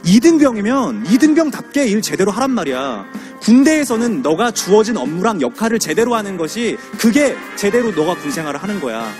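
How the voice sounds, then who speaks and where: A man's voice: high-pitched, very animated, a little fast, few pauses, a little mellow. A stern male army senior, put on by a man telling a story, snaps short commands at a private. The voice is raised and clipped, with music playing in the background. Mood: scolding. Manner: curt, barking orders.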